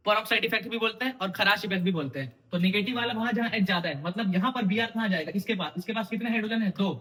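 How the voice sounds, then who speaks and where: A man's voice: high voice, pushed and bright. A young man giving an exam-prep chemistry lecture, quizzing his students and answering his own questions in a teasing, informal way. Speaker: chemistry teacher.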